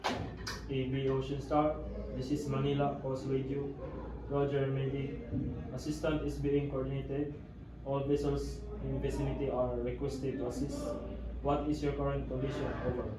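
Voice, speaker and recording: Man on a marine radio, flat and clipped. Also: medium pitch, moderate pace. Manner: clipped radio procedure phrasing. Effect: marine VHF radio transmission. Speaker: radio operator. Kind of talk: scripted marine radio drill. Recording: far-off echoey radio with static.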